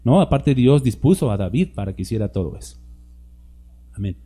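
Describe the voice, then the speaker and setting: Mellow-voiced man preaching a conversational sermon. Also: medium pitch, animated, fairly quick. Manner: conversational, with rhetorical questions and acted-out examples.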